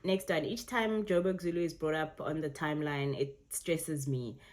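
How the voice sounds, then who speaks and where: Low-voiced chatty South African woman. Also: steady tone, normal speed. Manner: chatty, self-correcting, laughs often. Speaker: vlogger. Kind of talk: casual reaction commentary.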